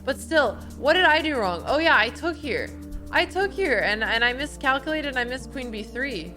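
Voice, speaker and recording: A woman's voice: sits high, animated, normal speed, sharp tone, faint music behind. A woman streaming live from a home room, thinking aloud about a chess game and questioning her own moves.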